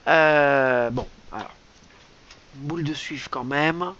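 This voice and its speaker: A man's voice: fairly high pitch, slow, a bit bright. A man rambling through a mock-serious improvised comedy monologue, stammering and repeating himself, recorded lo-fi with faint hiss. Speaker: comic vlogger.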